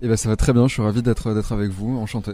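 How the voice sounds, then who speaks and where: A man's voice: on the low side, flat delivery, very fast, dark tone, dry recording. A young man speaking candidly and reflectively as an actor guest in a casual interview.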